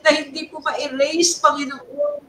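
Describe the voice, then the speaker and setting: A woman's voice: high-pitched, flat delivery, measured pace, crowd noise. A woman with a Filipino accent leading fervent intercessory prayer. She calls out "Lord God" between her phrases and moves between two languages. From Philippines. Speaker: prayer leader. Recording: distant mic with music underneath.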